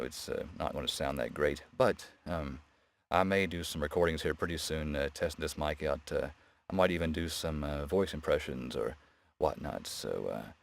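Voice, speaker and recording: Casting: man with a very low voice, developer casually talking through his game, hesitant and unscripted. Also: vocal fry. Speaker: game developer presenting an update. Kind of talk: casual unscripted screen-share commentary. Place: indoors beside a gaming laptop. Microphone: new microphone near a laptop.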